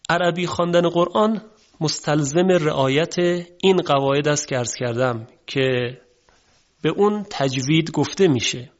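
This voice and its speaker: A man whose first language is Persian teaches Quran recitation in a measured way, demonstrating Arabic vowel sounds. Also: on the high side. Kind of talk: spoken lesson on Quranic pronunciation. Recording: dull lo-fi recording.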